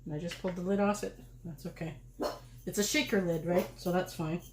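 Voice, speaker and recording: A woman's voice: on the low side, steady tone, brisk, a little mellow, roomy sound, slight background noise. A woman hosting a casual cooking livestream, chatting and rambling as she cooks and laughing often. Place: home kitchen.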